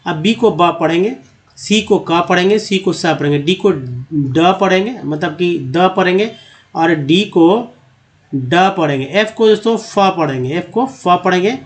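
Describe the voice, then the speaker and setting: A man teaching how to pronounce English letters, repeating each sound slowly and calling the viewers his friends. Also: sits high.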